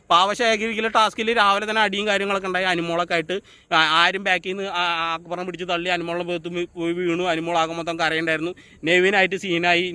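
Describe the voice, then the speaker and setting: Blunt high-voiced man reviewing a show. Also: bright, forceful tone, no room sound. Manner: blunt, outspoken, repetitive. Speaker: YouTube reality show reviewer. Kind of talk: casual spoken review monologue.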